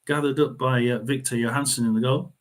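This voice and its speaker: Man, middle-aged, casual football watchalong host, rambling, keeps clearing his throat, fillers. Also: mid-range voice, steady tone, a little fast. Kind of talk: casual live football commentary.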